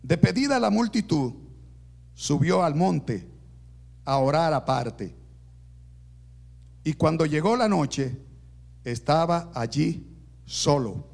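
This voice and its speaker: A man preaching a sermon, reading scripture slowly and deliberately and building up intensity as he reads. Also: a little high, lively intonation, creaky, a little mellow. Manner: slow, deliberate delivery with self-corrections.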